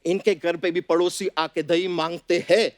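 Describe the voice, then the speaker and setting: A man's voice: high-pitched, little pitch movement, moderate pace, dry recording, studio quality, natural voice. A man on a comedy stage putting on a bumbling, word-fumbling fan who claims to be a Hollywood producer, mixing broken Hindi with English. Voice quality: stammering over big words, mixes English. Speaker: comedian in a sketch. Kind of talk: comic sketch impression with broken Hindi grammar. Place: TV studio stage with audience.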